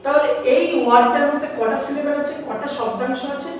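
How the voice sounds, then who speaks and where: This classroom lesson features a fast-talking female English grammar teacher whose voice sits high, with a little hiss or hum on the recording. Speaking with a Bengali accent, she goes step by step, asks students questions, and sounds words out by syllable; she's distant in an echoey hall.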